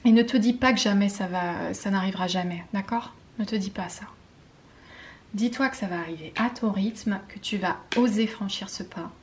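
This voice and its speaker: A French woman giving a spiritual card-reading guidance, talking softly and intimately, often slipping into a whisper, with hesitant fillers and self-mocking laughs. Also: medium pitch. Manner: slow, soft and intimate, often dropping to a whisper. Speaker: tarot card reader.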